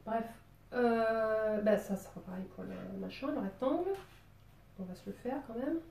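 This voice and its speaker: A woman's voice: on the high side, measured pace, vocal fry, a little mellow, distant mic, slight background noise. A woman with a Marseille accent giving a drawing lesson in a chatty, playful way, full of fillers. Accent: southern French (Marseille). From Marseille, southern France. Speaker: drawing teacher. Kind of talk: drawing tutorial. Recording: roomy sound, voice away from the mic.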